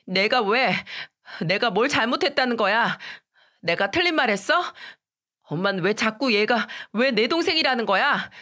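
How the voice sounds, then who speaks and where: A woman's voice: a little high, expressive, normal speed, pushed and bright, pitched above the performer's own voice. A woman voicing a spiteful young boy who taunts and bosses his cousin around. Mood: defiant. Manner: taunting, bossy and sulky.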